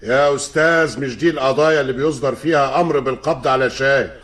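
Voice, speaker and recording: An Egyptian actor playing a stern, impatient judge. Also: male voice, mid-range voice, quick pace, a bit bright, natural voice. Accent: Egyptian Arabic. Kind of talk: film drama acting.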